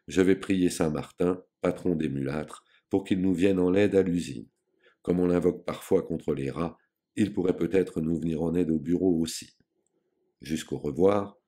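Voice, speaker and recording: A man's voice: deep voice, warm tone. A man reading an audiobook, voicing a pompous, self-important grown man with a grandiloquent, lofty and scornful manner.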